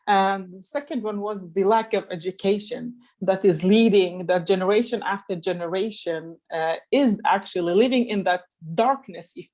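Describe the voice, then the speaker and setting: A woman's voice: medium pitch, normal speed, hardly any pauses, darkish tone. Earnest woman speaking on a panel. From Iraq. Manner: earnest, emphatic, thinking aloud. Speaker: panelist, member of parliament. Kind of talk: webinar panel remarks. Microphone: video call.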